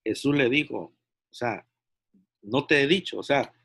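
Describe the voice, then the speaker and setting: A man teaching a Bible study over a video call. He speaks haltingly, restarts phrases and keeps checking in with his listeners. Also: medium pitch, creaky, a bit bright, husky, no room sound. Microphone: video call microphone.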